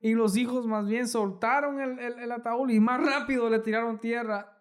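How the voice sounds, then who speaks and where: A podcast host, chatting casually with a guest, hedging and adding quick asides. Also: medium pitch, steady tone. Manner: conversational, hedging, fast asides. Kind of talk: casual interview chat.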